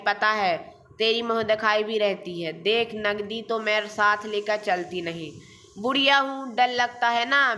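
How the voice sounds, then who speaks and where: A woman reading as a bossy elderly aunt in a storybook tale, blunt and scolding, with a firm and outspoken manner. The voice sits in a middle pitch for a woman and carries a faint hum of background noise. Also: sharp tone. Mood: teasing. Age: older.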